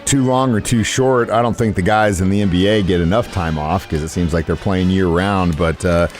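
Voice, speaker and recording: A man's voice: low-pitched, moderate pace, faint music behind. A man co-hosting a sports radio show in a casual, joking, conversational way.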